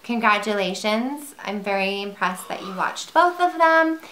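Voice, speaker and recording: A woman's voice: mid-range voice, animated, a little slow, fairly bright tone. A woman vlogger chatting casually to camera at home, rambling a little with fillers. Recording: roomy echo.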